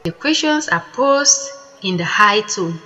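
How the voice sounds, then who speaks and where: A woman teaching a language lesson, saying each word slowly and deliberately and repeating it twice before explaining it. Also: mid-range voice, expressive, bright, forceful tone, dull audio. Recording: echoey room with long reverb.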